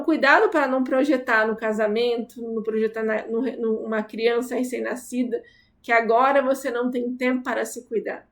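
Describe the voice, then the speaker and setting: A woman speaks earnestly in a casual advice monologue, telling stories and turning to address mothers directly. Her voice sits a little higher than most women's. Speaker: channel host giving advice.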